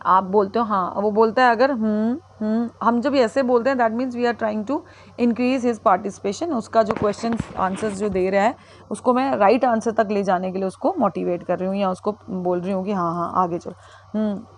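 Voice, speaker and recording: A woman's voice: medium pitch, moderate pace. A woman teacher lecturing on classroom teaching skills. She switches between Hindi and English, with frequent fillers and self-corrections. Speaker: teacher educator.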